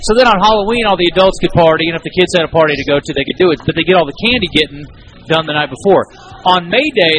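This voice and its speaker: A man's voice: on the high side, noisy background. A man co-hosting a live radio show, chatting casually and telling a joking story. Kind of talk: casual on-air chat.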